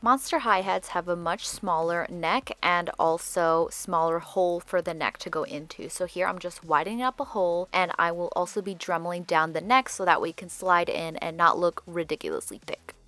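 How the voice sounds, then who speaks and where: A woman's voice: lowish voice, normal speed, hardly any pauses, a bit bright, faint music behind. A woman with braces slightly altering her speech, giving a chatty, candid voice-over for a craft tutorial. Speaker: doll repaint tutorial host. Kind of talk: casual voice-over tutorial narration.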